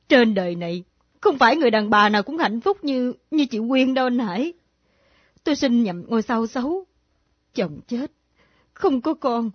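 A woman's voice: on the high side, breathy edge, no echo. An actress playing a grieving widow in her thirties who confesses a secret love with earnest pleading, in a radio drama. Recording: dull lo-fi old radio recording.

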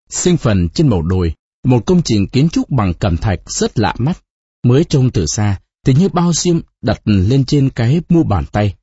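A man with a husky voice narrating a novel expressively as an audiobook reader. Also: mid-range voice, no room sound, muffled recording. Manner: expressive, dramatic storytelling.

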